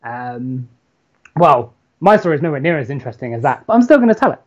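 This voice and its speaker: A man's voice: medium pitch, sing-song, fast, lo-fi sound. Hesitant young London man. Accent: London English. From London, England. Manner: hesitant, many ums, laid-back. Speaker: guest, comics writer. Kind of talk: casual chat.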